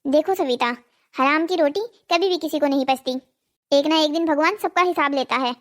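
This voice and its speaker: A woman's voice: high-pitched, moderate pace, lightly acted. A woman voicing an honest, preachy village husband. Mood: calm. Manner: calm moralizing. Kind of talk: cartoon drama voicing.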